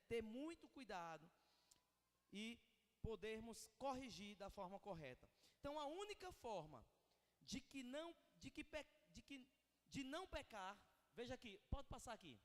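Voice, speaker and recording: A man with a Northeastern Brazilian Portuguese accent, preaching a sermon in a large church hall and acting out the quoted dialogue as he goes. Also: high voice. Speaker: pastor. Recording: long church-hall reverb.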